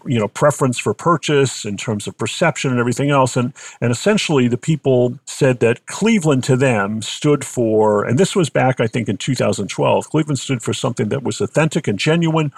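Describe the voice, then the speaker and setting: A man's voice: medium pitch, creaky, husky, no room sound. An older man with a Boston accent tells stories in an interview in a conversational, discursive way, repeating phrases for emphasis. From Boston, United States. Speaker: company founder being interviewed.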